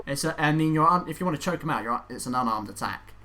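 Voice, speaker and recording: A man acting as game master, narrating and ruling on a tabletop game in a casual, halting way as he searches for words. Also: on the high side, expressive, bright, forceful tone.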